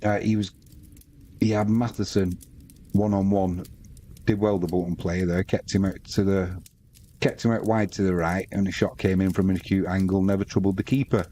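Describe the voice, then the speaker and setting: Between pieces of match commentary on his live sports stream, a Manx-accented man chats easily and reads out comments from viewers. He speaks at normal speed in a low, mellow voice with little pitch movement, and there's slight background noise.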